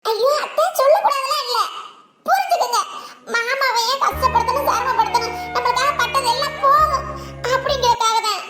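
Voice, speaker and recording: A woman's voice: very high voice, steady tone, fairly quick, over loud music. Woman doing a young cartoon daughter-in-law, southern Tamil dialect, pleading, earnest, echoey room. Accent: southern Tamil Nadu village dialect. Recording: roomy echo.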